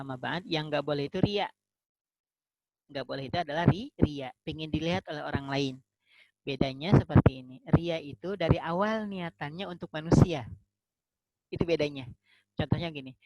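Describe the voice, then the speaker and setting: A man giving a casual Islamic study talk over a video call, acting out small dialogues and dropping to a soft, drawn-out voice for prayers. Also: on the high side, no echo. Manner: lively, acts out little dialogues in other voices. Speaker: ustadz giving an online religious talk. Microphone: computer or phone mic on a video call. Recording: dull, slightly lo-fi dry sound.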